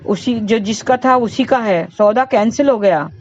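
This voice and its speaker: Woman as a calm elder son in a told story, patient and repetitive; lo-fi, faint hiss. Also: on the high side, a little slow, close to an everyday voice. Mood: reassuring.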